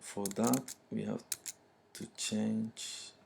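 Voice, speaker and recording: Male screencast tutor, slightly deep voice, thick non-native English accent, very slow hesitant delivery. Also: level tone, vocal fry, a little mellow, a little hiss or hum. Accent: thick foreign, non-native English. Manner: halting, hesitant, searching for words. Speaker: programming tutorial presenter.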